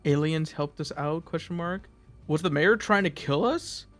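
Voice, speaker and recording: A man's voice: fairly high pitch, normal speed, a bit bright, soft background music. A young man streaming a game and chatting casually, rambling with lots of filler words. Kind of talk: casual chat while gaming.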